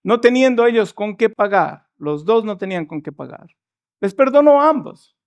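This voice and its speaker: High-voiced man preaching a sermon. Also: expressive, moderate pace, dull audio. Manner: storytelling preacher acting out the Bible dialogue. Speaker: pastor. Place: church.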